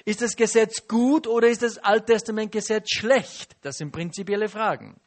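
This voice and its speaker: A man preaching a teaching sermon. He talks in a lively, questioning way, turning to the listeners and acting out the people he quotes. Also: high-pitched, moderate pace. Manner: lively, asks the audience questions and acts out quotes.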